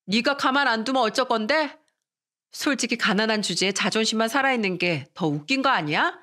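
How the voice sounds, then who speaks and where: A haughty little rich girl who bullies her classmates, her voice pitched high and sneering, swinging widely up and down as she jeers, as a woman storyteller puts her on. Her taunts come shrill and biting. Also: animated, fairly quick, sharp tone. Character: spiteful rich schoolgirl bully, taunting and haughty.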